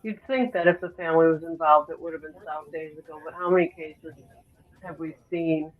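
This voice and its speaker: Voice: mid-range voice, steady tone, fairly quick. A panelist calling in by phone, hesitant and speculative in casual live chat, the voice muffled and garbled as if underwater because the phone is held too far away. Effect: muffled, garbled phone line that sounds underwater.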